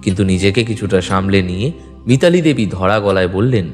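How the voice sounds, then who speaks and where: Against background music and a long reverb, a man with a deep voice narrates a scripted first-person detective story. He delivers it dramatically and at a fairly quick pace.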